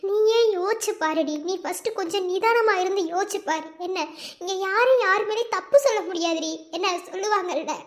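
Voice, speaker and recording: A woman's voice: very high voice, brisk. A woman doing a reproachful cartoon girlfriend. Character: young woman friend scolding a distraught friend. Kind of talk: cartoon voice acting.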